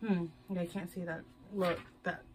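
This beauty vlogger, a young woman from Houston, Texas, rambles and jokes at her own expense, swearing casually while putting on makeup in a small decorated bedroom, facing a camera at desk distance. Her voice is fairly low, level, and a little mellow at normal speed, with slight background noise in this chatty get-ready-with-me.

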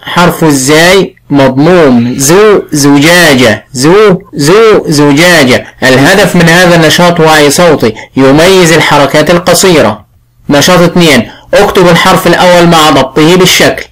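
Egyptian guy teaching kids letters, kinda high voice, stretches out every syllable. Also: fairly bright tone, poor audio. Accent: Egyptian Arabic. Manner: slow, drawn-out sounding of syllables. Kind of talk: classroom phonics lesson.

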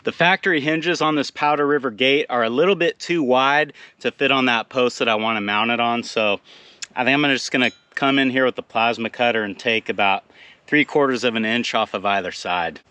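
Man, rancher vlogging outdoors, bright tone, easygoing practical talk, camera at arm's length. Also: medium pitch, a little fast, clean tone, dry recording. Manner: easygoing, practical, explains as he works. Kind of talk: casual vlog narration to camera. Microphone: handheld action camera at arm's length.

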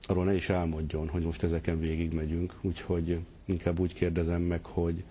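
Deep skeptical male TV interviewer. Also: monotone, mellow, husky. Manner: pointed, skeptical questioning. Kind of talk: probing TV interview.

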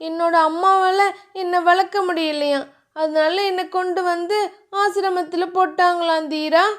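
A woman voicing an innocent, childlike young woman who pleads in a high, anxious voice, in a romance audiobook. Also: fairly even intonation, normal speed. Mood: sad.

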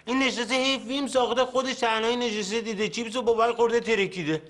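An actor in a TV drama playing a nervous young man who is desperately searching for his brother, with quick, pleading speech. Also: very high voice, steady tone, fairly bright tone. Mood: joking. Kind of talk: Persian TV series acting.

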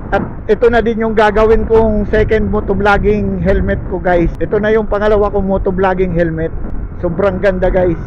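A man talking from inside a helmet, giving a chatty, jokey motovlog review of it. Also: high-pitched. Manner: chatty, jokey, keeps saying guys. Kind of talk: casual vlog review. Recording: dull muffled sound with faint noise.

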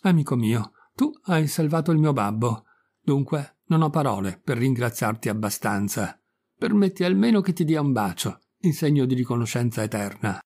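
A man's voice: mid-range voice, animated, moderate pace, gravelly, darkish tone. A man reading the part of a young wooden puppet boy in an audiobook, with an earnest, pleading tone.

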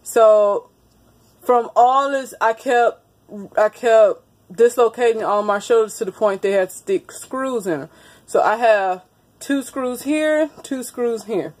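A woman's voice: a little high, slow, darkish tone. A woman in her thirties chatting casually to her viewers in a vlog, laughing often, recorded on a phone held close in a small room. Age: 30s. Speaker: vlogger. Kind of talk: casual chat to camera. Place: small indoor room with wood panelling. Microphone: phone camera held close.

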